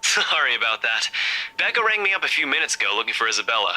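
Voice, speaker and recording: A man's voice: mid-range voice, very animated, fast, sharp tone, low-quality recording. A man voicing a breezy young friend who teases, then turns worried. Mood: concerned. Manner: breezy, teasing, turning concerned. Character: teasing young male friend on a phone call. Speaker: character dialogue in a visual novel voice dub.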